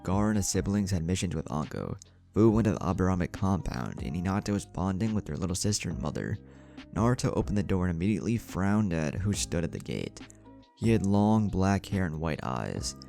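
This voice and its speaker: A fan fiction narrator reads a scripted story, voicing the characters' dialogue as he goes. His voice sits low, with vocal fry and a dark tone, and a music bed plays underneath.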